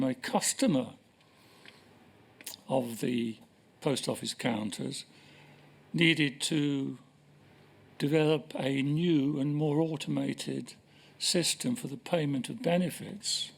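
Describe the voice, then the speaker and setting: An older man answering questions as a witness at a formal hearing, measured and hesitant, pausing often. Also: medium pitch, vocal fry. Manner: measured, hesitant, with many pauses. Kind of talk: formal testimony. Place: inquiry hearing room.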